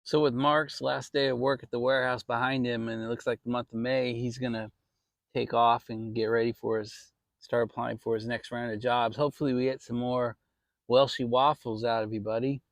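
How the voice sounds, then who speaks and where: A man's voice: medium pitch, little pitch movement, normal speed, dry recording. Easygoing American man chatting outdoors, dry sound. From Maryland, United States. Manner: easygoing, rambling, mildly salty language. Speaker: vlog host. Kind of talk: casual outdoor backyard chat to viewers. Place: outdoors in a shaded backyard.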